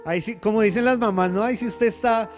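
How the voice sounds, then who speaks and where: A man with a high voice preaches a sermon to his church. He calls on the congregation to repeat lines after him and acts out each quote with drama. Faint instrumental music plays behind him. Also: quick pace. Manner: preaching with call-and-response, dramatic quoted speech. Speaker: guest pastor.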